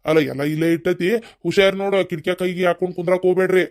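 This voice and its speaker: Man doing a cartoon father-in-law, north karnataka kannada accent, fast, smooth dry voice. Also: high-pitched, little pitch movement, dry recording, lightly acted. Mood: reassuring. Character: reassuring older father-in-law.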